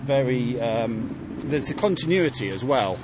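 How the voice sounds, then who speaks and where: A man chatting on a city walk, halting and restarting his sentences. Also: medium pitch, animated. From England. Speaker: walk participant. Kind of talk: casual conversation while walking. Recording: outdoor street noise.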